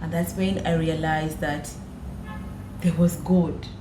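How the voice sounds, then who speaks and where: With a deep voice and flat delivery, a woman from Uganda talks slowly over background music. She is a podcast guest recounting personal stories and repeating phrases to stress them, recorded in an echoey room with noticeable background noise.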